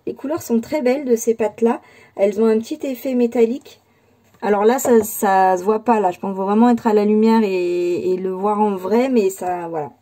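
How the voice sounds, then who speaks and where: Casting: woman, crafting vlogger, very dark mellow tone, halting casual delivery. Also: medium pitch. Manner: hesitant, many fillers and restarts. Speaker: scrapbooking channel host. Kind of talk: casual crafting show-and-tell.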